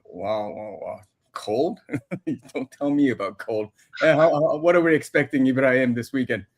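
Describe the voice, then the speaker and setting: A man's voice: mid-range voice, normal speed. A man hosting a casual video podcast, teasing his guests and laughing often. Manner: playful, teasing, laughs a lot. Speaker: podcast host.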